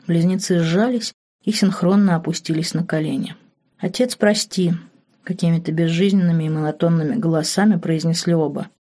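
A woman narrating an audiobook in an expressive, dramatic reading. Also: medium pitch. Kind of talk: scripted narration.

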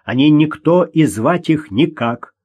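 Guy reading as a brash sneering young man, yells high, husky edge. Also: animated, unhurried. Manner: jeering, shouting, cackling. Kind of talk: audiobook character voice.

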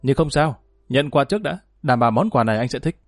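A man's voice: mid-range voice, expressive, quick pace, dry recording. Guy doing a smug gangster boss, fake polite, sneering, dry close sound. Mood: smug taunting. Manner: smug, falsely polite taunting. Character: sly cruel male gang boss, mocking.

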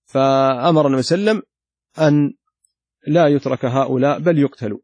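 A male scholar reads a classical text aloud at a brisk clip and pauses to restate passages with extra emphasis. His voice sits at a middle pitch and is recorded close and dry, with no room sound. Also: a little mellow, dry recording, lo-fi sound. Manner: reads passages, then restates them in his own words with added emphasis. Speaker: Islamic scholar teaching a lesson.

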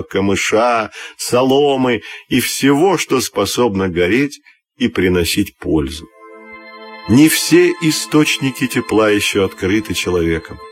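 With a lowish voice, a man narrates a scripted fairy tale for children's radio, using an expressive, theatrical storyteller's manner.

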